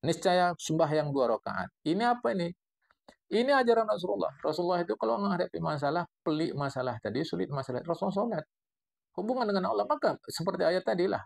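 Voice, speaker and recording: A man with a Medan Malay accent teaching a classical religious text, explaining it in a lively, digressive way with playful wordplay. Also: high-pitched, fast talker, creaky. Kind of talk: classical Islamic text study lesson.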